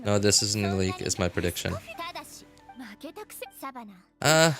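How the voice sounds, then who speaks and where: Over background music, a man chats casually on a game livestream, reading and answering viewer comments. His voice is fairly low, animated and slow-paced, and he's hesitant, often repeating his phrases.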